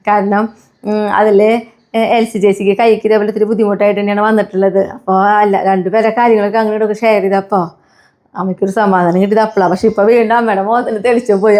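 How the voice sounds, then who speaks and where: Fast-talking, chatty Malayali woman vlogger. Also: medium pitch, steady tone. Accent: Kerala Malayalam. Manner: chatty, frequent "kēṭṭō" asides to viewers; soft baby-talk when addressing her pets. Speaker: family vlogger. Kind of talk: casual vlog talk to camera.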